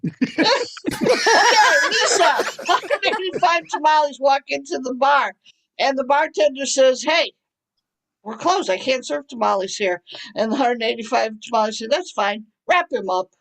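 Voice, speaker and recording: Female improv player, high upbeat voice. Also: moderate pace, a bit bright, rough recording. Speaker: improv performer. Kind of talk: live improv joke game.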